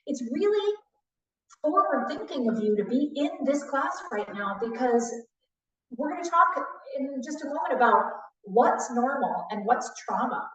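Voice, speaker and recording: A woman instructor leading a live trauma training class, talking the group through ideas and often checking in with "right?". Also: high voice. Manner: warm teacherly, frequent "right?" check-ins. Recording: distant echoey dull room audio.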